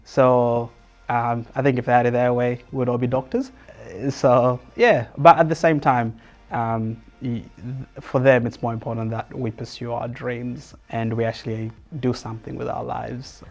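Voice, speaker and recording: Thoughtful young man with a gravelly voice. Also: medium pitch, flat delivery, normal speed, dull audio. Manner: thoughtful, hesitant, with restarts and fillers. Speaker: interviewee. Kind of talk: reflective interview answers.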